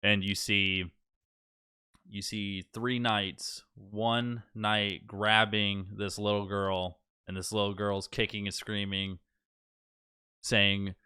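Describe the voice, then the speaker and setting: A man narrating as dungeon master in a tabletop game, halting and full of fillers and restarts as he describes the scene. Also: on the low side, little pitch movement, sharp tone, clear, resonant tone.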